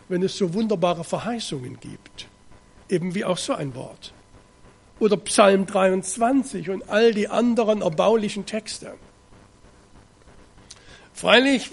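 A middle-aged man from eastern Germany preaching a sermon, reading scripture in a measured, solemn way with slow, weighty stresses. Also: high-pitched, vocal fry. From Ore Mountains, eastern Germany.

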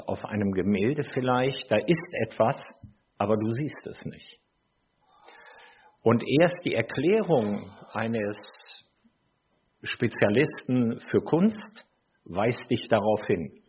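A middle-aged man preaches a sermon at an unhurried pace, his voice somewhat husky and low. He turns aside to address his listeners in a reflective, conversational way. The recording sounds dull and lo-fi.

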